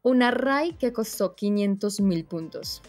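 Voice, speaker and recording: A young woman, a streamer being interviewed, telling stories in a casual, animated way and acting out her own reactions. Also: mid-range voice, measured pace, over music. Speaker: streamer guest.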